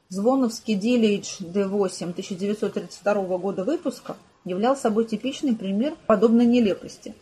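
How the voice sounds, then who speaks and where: A woman narrating an audiobook in an even, measured storytelling manner. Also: fairly high pitch, breathy edge, poor audio. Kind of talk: scripted narration.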